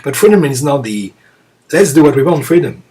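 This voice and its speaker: A man giving a reflective Zen teaching talk to students, musing aloud with many pauses and soft chuckles. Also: medium pitch, big pitch swings. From France. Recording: voice picked up from a distance.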